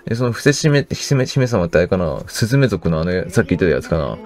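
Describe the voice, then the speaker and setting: Relaxed man commenting on a game. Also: low voice, fairly quick. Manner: relaxed, joking asides. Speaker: game streamer.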